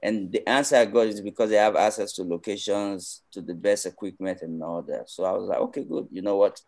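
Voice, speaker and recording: A man with a Nigerian accent, a video director recounting his career in a relaxed, conversational way over a video call. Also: fairly low pitch, a little fast. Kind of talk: casual interview answers.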